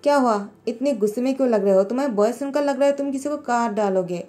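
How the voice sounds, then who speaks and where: A woman's voice: a little high, fast talker, dark tone, faint music behind, natural voice. A woman voicing a protective older brother figure who speaks sternly but with care. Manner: stern, caring.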